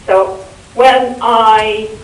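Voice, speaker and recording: A woman's voice: a little high, fairly even intonation, very slow. A woman with a Russian accent chatting playfully and giggling as the new VJ in an interview. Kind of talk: casual interview chat. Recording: echoey room, distant mic, faint noise.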